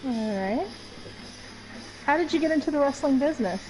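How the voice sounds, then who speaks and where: A woman's voice: high voice, animated, normal speed, darkish tone, soft background music, low-quality recording. A woman interviewer with a dry, teasing manner, asking questions in an in-character interview.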